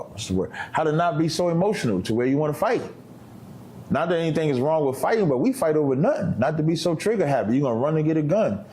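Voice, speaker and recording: A man in his 50s with a fairly high, darkish voice is being interviewed in casual conversation. He talks loosely and forcefully, peppering his speech with street slang in a preaching manner.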